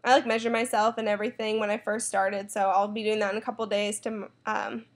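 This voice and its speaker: A woman's voice: mid-range voice, flat delivery, a little fast. A young woman chatting casually to camera in a vlog, bubbly and rambling, full of "like" and "um". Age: young adult. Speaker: vlogger. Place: Florida.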